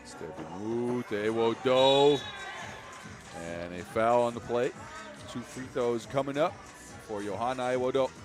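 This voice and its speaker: A medium-pitched man with a Dutch accent calls live basketball play-by-play at a fast clip, music playing behind him. His energy climbs with each play, and he throws in self-mocking asides along the way.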